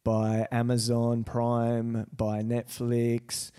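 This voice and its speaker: A man's voice: mid-range voice, monotone, extremely slow, mellow, smooth. A man hosting a casual film chat, slangy and sweary, often repeating his words. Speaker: podcast host.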